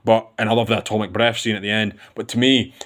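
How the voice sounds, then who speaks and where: A man's voice: lowish voice, flat delivery, fast, a bit bright. A man giving a casual, rambling film review with enthusiasm, often restarting his sentences.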